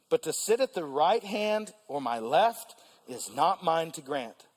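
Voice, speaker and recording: Male preacher with a high-pitched voice, lively, prompts the congregation, recorded in a big echoing church. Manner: animated, asks the congregation questions. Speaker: pastor. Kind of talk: sermon. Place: large church hall. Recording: long church reverb.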